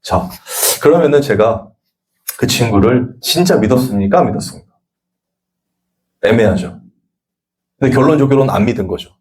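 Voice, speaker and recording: A man's voice: mid-range voice, expressive, moderate pace, pauses often, a little mellow. A male pastor giving a conversational sermon at a Sunday church service, telling stories and acting out the dialogue.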